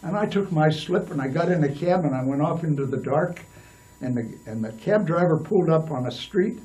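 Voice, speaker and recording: Older man telling stories, halting. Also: a little high, lively intonation, dark tone, recorded from a distance, rough recording. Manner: rambling, with many restarts and fillers. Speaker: interview guest. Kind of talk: storytelling in a casual interview.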